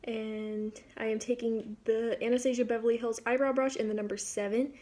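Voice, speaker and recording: High-voiced woman chatting through a makeup tutorial. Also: fairly even intonation, fast, mellow. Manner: informal, rambling, self-interrupting asides. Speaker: beauty vlogger.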